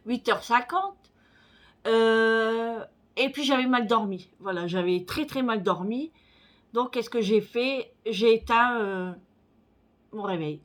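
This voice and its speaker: Forties woman vlogging, rambly and chatty, lotta fillers, a bit stuffy-nosed, voice on the higher side. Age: 40s. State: slightly stuffy nose. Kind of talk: casual chat.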